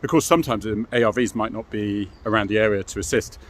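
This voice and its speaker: A lowish voice at a quick pace belongs to a middle-aged British former cop giving an informal explanatory monologue. He keeps it frank and matter-of-fact and regularly adds tag questions.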